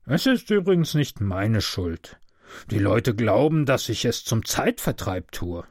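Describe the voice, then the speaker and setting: A man voicing a timid but officious middle-aged male train conductor who speaks stiffly and gives way quickly. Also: mid-range voice, sing-song, a little mellow, breathy edge, dry recording, clean studio sound. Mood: grumbling.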